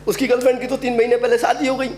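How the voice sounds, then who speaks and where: Very high-voiced and very fast, a young man from Uttar Pradesh, India, performs stand-up at an open mic event. His tone stays level as he narrates a story and acts out the people he quotes.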